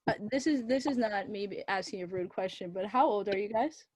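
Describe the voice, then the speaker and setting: A woman's voice: mid-range voice, a little fast, a little mellow. A young woman from Long Island interviewing guests in a friendly, slightly hesitant way. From Long Island, New York. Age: young adult. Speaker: student interviewer. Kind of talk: casual interview.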